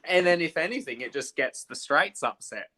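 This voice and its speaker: A young man hosting a casual makeup livestream, chatty and animated, quick to laugh. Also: fairly high pitch.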